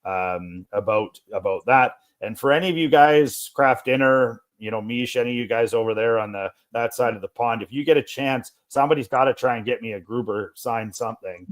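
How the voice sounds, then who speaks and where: A man co-hosting a casual podcast, talking in long, animated runs full of restarts. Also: mid-range voice, brisk, hardly any pauses. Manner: rambling, animated, many restarts. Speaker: podcast co-host.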